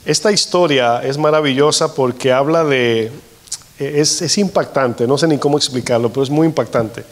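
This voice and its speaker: A man preaches a sermon. His voice sits a bit high, and he keeps it conversational, often turning to the congregation with rhetorical questions. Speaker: pastor. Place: church in New York.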